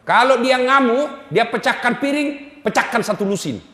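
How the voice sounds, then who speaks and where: A male preacher giving a humorous sermon in an animated, teasing way, speaking directly to his audience in a large hall. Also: extremely high pitch, normal speed. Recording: echoey hall.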